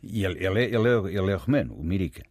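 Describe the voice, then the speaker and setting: A man's voice: low voice, expressive, racing, a little mellow, breathy edge, no room sound. A man with a European Portuguese accent telling a story in casual conversation, rambling and correcting himself as he goes. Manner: rambling, self-correcting, chuckles while telling. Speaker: guest storyteller.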